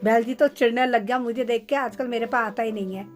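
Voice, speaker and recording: A woman's voice: a little high, steady tone, fast, soft background music. A middle-aged woman narrating her daily home routine in a chatty way, talking straight to her viewers. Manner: chatty, addresses viewers directly. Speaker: vlogger. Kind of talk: casual home vlog narration.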